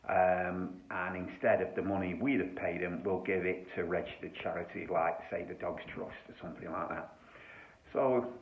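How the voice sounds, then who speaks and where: A man's voice: low-pitched, steady tone, moderate pace. A man giving an informal, blunt explainer to camera, speaking conversationally inside a bare, echoey house under renovation. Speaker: property buyer answering questions on video. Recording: echoey bare room, muffled, faint noise.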